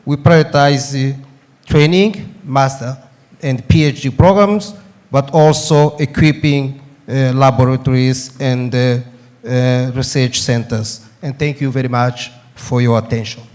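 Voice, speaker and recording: Mozambican-accented man, medium pitch, formal university delegate giving a short congress speech. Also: steady tone, unhurried, darkish tone. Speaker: university representative speaking at a congress.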